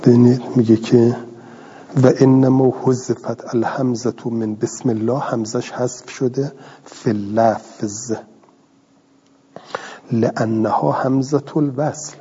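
Middle-aged male teacher, mellow breathy voice, patient line-by-line explaining, lo-fi hall recording. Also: medium pitch. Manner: reads a line then explains it, slow and patient. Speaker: teacher of Arabic grammar. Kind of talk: classroom lecture reading and explaining a text. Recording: dull lo-fi audio in a hall.

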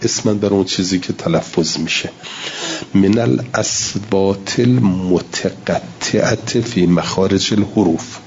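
This low, somewhat mellow male voice comes through with the highs cut off and slight background noise. He lectures on Quran recitation, reciting Arabic passages, unpacking them in relaxed Persian, voicing examples aloud and going over points again.

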